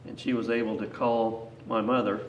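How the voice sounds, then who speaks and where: An older man with a lowish voice tells a rambling grandpa story. He is folksy and plain-spoken, backtracking as he reminisces. The recording is echoey, with the microphone some distance away. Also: level tone, moderate pace, lo-fi sound. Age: 60s or older. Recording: echoey, distant mic, faint noise.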